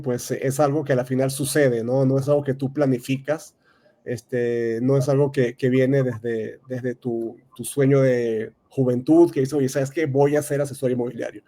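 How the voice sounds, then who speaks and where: A Venezuelan man in his thirties with a warm, relaxed tone and a middling pitch. He answers questions in a casual, halting way, stacking fillers and false starts as he works out what he means. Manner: hesitant, many fillers and restarts. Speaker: real estate advisor, guest. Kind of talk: casual interview talk.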